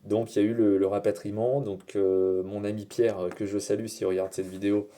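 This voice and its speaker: Deep-voiced man, halting vlog talk. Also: little pitch movement, mellow. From France. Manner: hesitant, many "euh" fillers. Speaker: car vlogger. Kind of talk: casual explanatory vlog.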